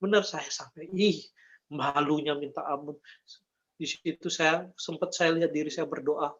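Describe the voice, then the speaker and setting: Man, high voice, earnest faith testimony, dull lo-fi sound. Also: fairly even intonation, moderate pace, fairly bright tone, husky. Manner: earnest, repeats phrases, addresses listeners as brother and sis. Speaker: guest giving a testimony.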